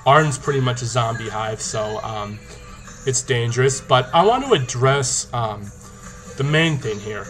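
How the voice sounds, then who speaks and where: A young man talking casually to camera in a video diary, playful, animated and boastful. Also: medium pitch, measured pace, soft background music. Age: young adult. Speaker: video diarist in a zombie tag game. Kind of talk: casual vlog talk to camera. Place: small indoor room. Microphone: webcam or laptop mic at arm's length. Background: rock song playing.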